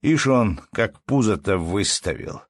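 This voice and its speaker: A man voicing a defiant, jovial male peasant who calls out loudly and teasingly, reading a storybook. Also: on the low side, expressive, unhurried, dry recording, studio quality. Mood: hearty shouting. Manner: loud, hearty, teasing calls.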